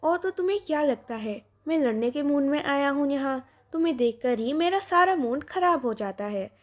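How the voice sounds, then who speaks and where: A woman's voice: high voice, expressive, normal speed. A woman voicing an irritable young male college student who answers curtly. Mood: irritated. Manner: curt, irritated.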